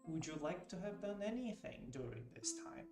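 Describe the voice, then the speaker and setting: A man narrating as game master of a tabletop game, hesitant and pausing often as he addresses the players. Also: high voice, big pitch swings. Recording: roomy, distant microphone, music behind.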